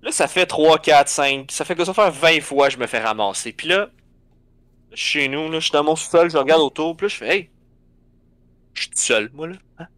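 A man with a Québécois accent telling an animated story in casual chat, swearing often and acting out the scenes. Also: on the high side, normal speed, no echo. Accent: Québécois French.

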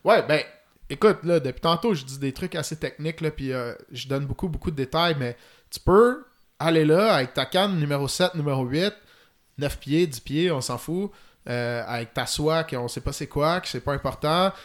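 A man's voice: on the high side, moderate pace. A man with a Quebec French accent explaining fly-fishing gear in casual chat, in detail and with many fillers. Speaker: fly-fishing guest expert.

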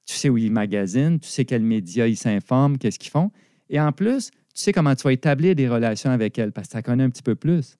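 A middle-aged man with a Quebec French accent walks through business ideas like a teacher, animated and quick to laugh. His voice is mellow and dark. The recording is dry and close. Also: medium pitch, clear, resonant tone, dry recording. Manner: animated, explanatory, laughs often. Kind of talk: conversational explanation.

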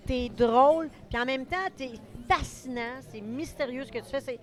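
A woman's voice: sits high, moderate pace. Chatty Québécois woman host. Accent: Québécois French. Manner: enthusiastic, chatty, interjecting. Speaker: interview host, comedian. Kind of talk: casual interview chat.

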